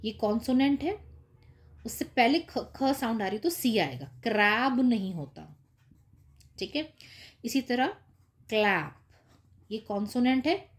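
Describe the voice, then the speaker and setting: Lady teacher going slow thru spelling rules for little kids, higher voice, keeps asking "ok?". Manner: patient, repeats with "ठीक है" and "है ना" checks.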